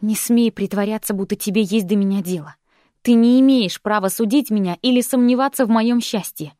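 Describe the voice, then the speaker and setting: A tense, furious young woman confronting her ex, as a woman narrator plays her. Her speech is sharp and indignant, higher and louder than the narration, in a dry, close recording. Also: very animated, normal speed, no room sound, close to an everyday voice. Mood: angry.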